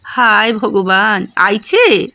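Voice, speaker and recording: A woman's voice: mid-range voice, big pitch swings, very slow, sharp tone, a little hiss or hum, full character voice. A woman voicing a frail old village grandfather who calls out fretfully in a trembling voice. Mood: anxious fretful.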